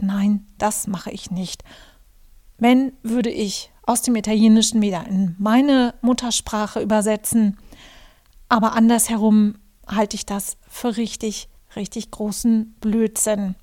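On her own podcast, a German woman who works as a journalist and author reflects aloud, stopping and restarting and leaning on fillers. She speaks in a mid-range voice with a darkish tone.

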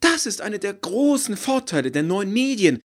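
A man reading an audiobook, voicing an excited, effusive female advertising executive. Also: a little high, unhurried, voice pushed up. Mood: gushing.

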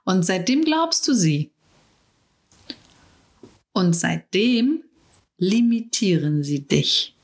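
A middle-aged woman speaking as a coach in a reflective monologue, talking softly and intimately and addressing the listener directly. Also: medium pitch, very animated, drawn-out words, long pauses.

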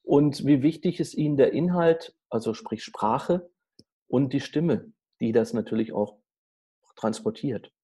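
A male interviewer asks his guest polite, formal questions. His voice is mellow and dark, with a slightly husky edge. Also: mid-range voice, unhurried.

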